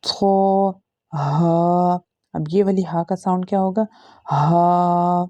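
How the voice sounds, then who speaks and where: A woman's voice: lowish voice, fairly even intonation, slow pace, dark tone, no echo, dull audio. A woman teaching Quran reading, patiently drawing out and demonstrating each letter in a step-by-step lesson with an Urdu-Hindi accent. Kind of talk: slow step-by-step recitation lesson.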